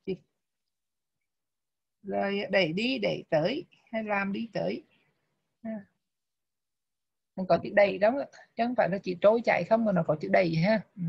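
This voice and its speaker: A woman leads a lesson on a Buddhist text, spelling out English terms and repeating them slowly and deliberately. Her voice sits at a middle pitch. The recording is muffled and lo-fi, with a dry sound and no room echo. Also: creaky, husky. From Vietnam. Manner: slow, deliberate word-by-word pronunciation drills. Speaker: Abhidhamma teacher.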